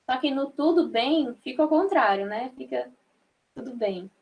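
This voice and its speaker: A woman's voice: sits high, animated, creaky, muffled recording. A young woman from Brazil teaching a sign language class online, explaining step by step and checking in with her students often. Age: young adult. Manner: slow, patient, frequent check-ins with the class.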